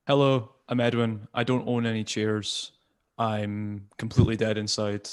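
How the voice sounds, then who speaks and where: Deadpan low-voiced man. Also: a little slow, smooth. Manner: deadpan, gloomy humour. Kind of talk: casual live video chat.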